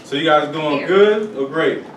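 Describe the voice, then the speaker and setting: A young man holds forth to a room of schoolchildren, lively and playful, pulling them into call-and-response. He is picked up from across a reverberant room by a distant camera, with steady background noise. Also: a little high, a little slow. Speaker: guest speaker at a school career day. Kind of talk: motivational talk to children. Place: school classroom or hall.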